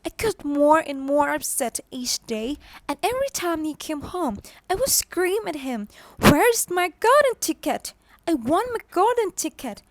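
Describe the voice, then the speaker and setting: A spoiled, demanding rich girl, played by a woman with a Thai accent, high-pitched and unhurried as she tells her story. The voice is close and dry, with no room sound. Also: lively intonation, no room sound. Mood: boastful. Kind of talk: student stage play.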